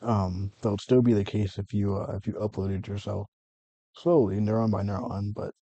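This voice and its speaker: Husky, dark-voiced man rambling alone. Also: on the low side, little pitch movement, moderate pace, no echo, muffled recording. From United States. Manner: meandering, self-correcting, frequent swearing. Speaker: vlogger. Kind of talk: rambling personal monologue.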